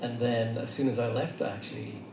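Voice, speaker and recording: A middle-aged Irish panel speaker talks a little fast at medium pitch with a steady tone. His delivery to the audience is loose and anecdotal, full of fillers, in a roomy, far-off hall recording with noise.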